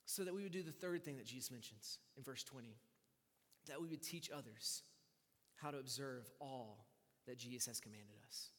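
A man pastor preaching a sermon in a conversational way, acting out listeners' voices and swinging from hushed to loud. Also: mid-range voice, moderate pace. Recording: long hall reverb.

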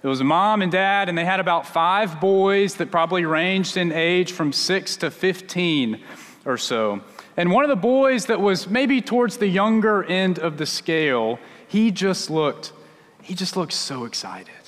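A man preaching in a church sanctuary, his voice notably high for a man. He tells his story in a loose, conversational sermon style, often restarting sentences. The room gives his voice a long, echoing reverb. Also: unhurried, fairly bright tone. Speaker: pastor.

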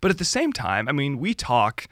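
A man's voice: medium pitch, huge pitch swings, normal speed, fairly bright tone, no room sound, clean studio sound. A man in a casual podcast conversation, friendly and affirming, with some hesitant restarts. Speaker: co-host.

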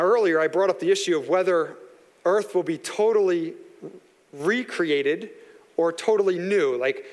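A man preaching a sermon in an earnest, conversational way, slowing down on emphatic lines. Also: on the high side, big-room sound. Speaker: pastor.

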